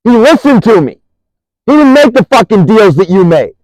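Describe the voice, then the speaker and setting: A man's voice: sits high, big pitch swings, moderate pace, darkish tone, dry recording, rough recording. A man delivering an angry, profane monologue, accusing and rambling, restarting sentences as he goes.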